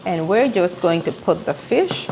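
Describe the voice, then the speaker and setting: Speaking a little slowly in a fairly low voice with lively intonation, a woman is heard over background noise. In her thirties and from South Sudan, with a South Sudanese accent, she hosts a live cooking show from her home kitchen, chatty and storytelling as she cooks, filmed by a tripod camera from medium distance.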